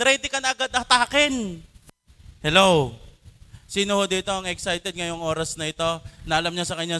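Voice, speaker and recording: Man, pastor, church sermon, high voice, bright tone, impassioned, Tagalog-English mix. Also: clean tone. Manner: impassioned, mixing Tagalog and English, with emphatic swells. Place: church worship service.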